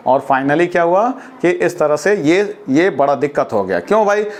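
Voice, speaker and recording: A man teaching a history lesson to students, speaking in Hindi and switching to slow, carefully spaced English sentences, often asking and answering his own questions. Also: on the high side, lively intonation. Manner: explains in Hindi, then reads English lines slowly and deliberately.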